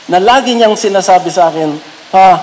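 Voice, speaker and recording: A middle-aged Filipino pastor preaching a sermon, mixing Tagalog and English and rising to emphatic peaks. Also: male voice, high voice, expressive, moderate pace, a little hiss or hum, poor audio. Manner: switches between Tagalog and English, builds to raised emphatic peaks.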